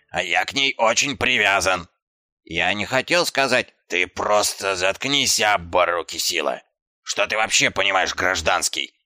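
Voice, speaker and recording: A man's voice: lowish voice, pushed and bright, no room sound, studio quality, voice pushed down, heavily acted. A man voicing a hot-tempered young male dwarf guard who rants sarcastically. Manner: ranting, sarcastic.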